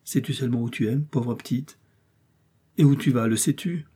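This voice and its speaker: A man's voice: medium pitch, moderate pace, dark tone, slightly rough, lightly acted. A man voicing an anguished young husband sent into exile, crying out in regret.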